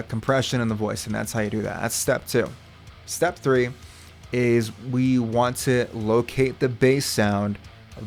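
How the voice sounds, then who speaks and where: A man working as a vocal coach, explaining technique step by step in a reassuring, instructional way. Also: mid-range voice. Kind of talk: instructional video talk.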